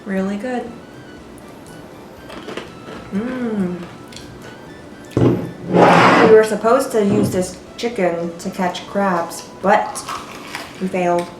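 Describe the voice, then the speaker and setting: A woman tasting fried chicken and chatting casually, unhurried and quick to laugh. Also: medium pitch, fairly even intonation, over loud music. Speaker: guest tasting the food. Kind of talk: casual eating vlog chat. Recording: echoey kitchen with faint background noise.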